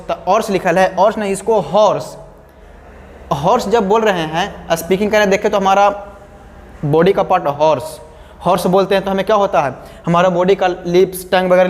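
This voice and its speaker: High-voiced teacher, reverberant room. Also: male voice. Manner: explains step by step, repeats key words, asks the class questions. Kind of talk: classroom grammar lesson. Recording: long hall reverb.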